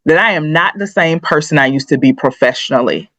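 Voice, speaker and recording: A woman's voice: low voice, animated, fairly quick, fairly bright tone, no echo. A middle-aged woman co-hosting a podcast, chatting candidly and personally, thinking aloud with restarts. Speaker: podcast co-host. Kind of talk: candid conversational chat. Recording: dry, slightly dull podcast audio.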